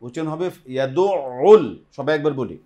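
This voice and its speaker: A man with a Bengali accent leads a Quran recitation class for television. His voice sits at a middle pitch for a man. He models each sound slowly and has his students say it back. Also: lively intonation, lo-fi sound, crowd noise. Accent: Bangladeshi Bengali. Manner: patient teaching, models pronunciation and has the class repeat it. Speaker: Quran recitation teacher and host. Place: television studio.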